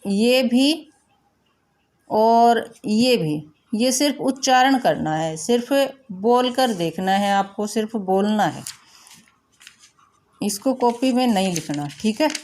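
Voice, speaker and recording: A woman teacher explaining a school lesson slowly and patiently, repeating her instructions. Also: a little high, lively intonation, darkish tone, slight background noise. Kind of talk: recorded classroom lesson.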